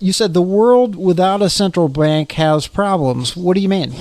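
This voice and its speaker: A man's voice: high voice, normal speed, darkish tone, no echo. A male radio host reading prepared, pointed interview questions.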